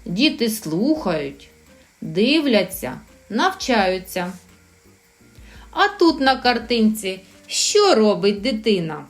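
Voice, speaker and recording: A woman's voice: mid-range voice, big pitch swings. Lady doing a kids lesson, singsongy, stretches her words, faint music behind. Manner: slow, sing-song and encouraging, drawing out sounds. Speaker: preschool teacher. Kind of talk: recorded lesson for young children.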